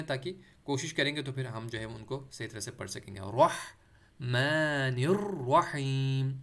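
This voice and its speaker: A patient teacher, a man in the middle pitch range for his sex. He explains each letter step by step and stretches sounds out slowly so learners can copy them. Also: a bit bright. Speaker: Quran recitation teacher. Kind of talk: explanatory lesson with demonstrated pronunciation.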